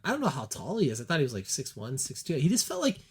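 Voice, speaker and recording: A man's voice: a little high, huge pitch swings, fast talker, husky. A man co-hosting a film podcast, chatting animatedly with lots of fillers. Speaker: podcast co-host. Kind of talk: casual film discussion.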